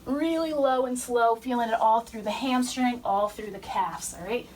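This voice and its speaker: A young woman fitness instructor cueing warm-up moves while she exercises, a little out of breath. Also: on the high side, normal speed. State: slightly out of breath. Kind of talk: workout instruction. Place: fitness center. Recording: distant mic with faint room noise.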